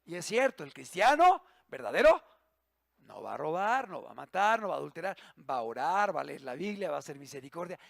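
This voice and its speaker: A male pastor, preaching an impassioned sermon that swings from loud emphasis to hushed low asides. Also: big pitch swings, brisk, creaky, no room sound, studio quality.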